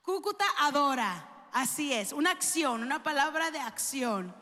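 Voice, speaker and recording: A middle-aged woman from New York, a worship singer, giving her testimony to a church audience, engaging and warm, often questioning the crowd. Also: high voice, animated, a little slow. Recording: echoey hall with soft music.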